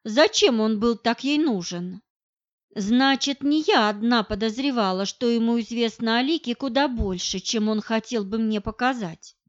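A woman narrating a first-person detective audiobook in an expressive, wry manner. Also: fairly high pitch, normal speed, highs cut off.

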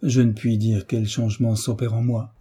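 A man voicing an emotional young pupil overflowing with enthusiasm, in a dark, husky voice. His words come out exalted and carried by emotion. It is read in an audiobook. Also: medium pitch, steady tone, moderate pace, lightly acted. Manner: exalted, breathless with feeling. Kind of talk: audiobook reading.

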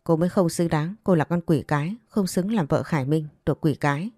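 Lady narrator doing a spiteful young schemer, taunting, low dark voice. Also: fairly quick, no echo, studio quality. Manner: taunting, whiny.

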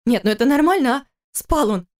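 A sharp-tongued wife and mother, sarcastic and scolding, her voice pitched up and pushed louder, as a woman narrator plays her. She sounds urgent and bossy in a storybook reading. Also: expressive, brisk.

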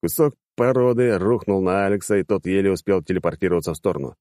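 A man narrating a first-person audiobook in a wry, lively storytelling manner. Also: low-pitched, fast talker, no echo, clean studio sound.

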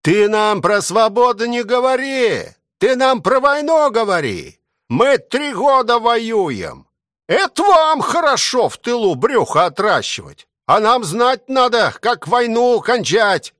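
A man's voice: very high voice, big pitch swings, takes it slowly, a bit bright, no echo, studio quality, pitched above the performer's own voice, full character voice. A man voicing a blunt, war-weary soldier who angrily demands answers. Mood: resentful. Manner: gruff, demanding. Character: angry weary male front-line soldier, blunt.

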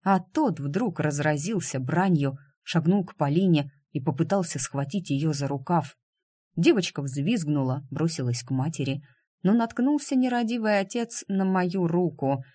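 Calm man narrating a novel, dry voice. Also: a little high, normal speed, no echo. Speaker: audiobook narrator. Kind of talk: first-person novel narration.

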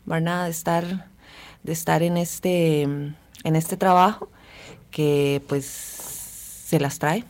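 Low voiced woman from honduras, talks real slow, soft, lots of "verdad". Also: steady tone. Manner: soft-spoken and unhurried, many fillers. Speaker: guest, refugee support worker. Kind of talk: radio interview.

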